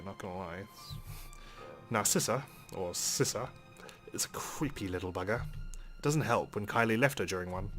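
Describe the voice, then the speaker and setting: A man hosting a let's play reads a visual novel aloud as narration and mixes in casual commentary of his own. His voice is on the low side but fairly bright. Faint game music plays behind him.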